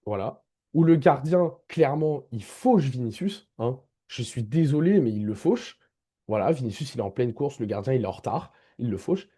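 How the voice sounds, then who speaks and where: A man's voice: medium pitch, animated, normal speed, dark tone, breathy edge. A man giving a casual football match debrief as a vlogger, emphatic, repeating his key points and addressing viewers directly.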